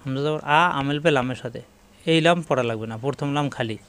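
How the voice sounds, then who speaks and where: Man teaching, smooth clear voice. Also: medium pitch. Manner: spells out Arabic words letter by letter; chants the call to prayer slowly in demonstration. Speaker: Quran teacher. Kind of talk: online tutorial lesson.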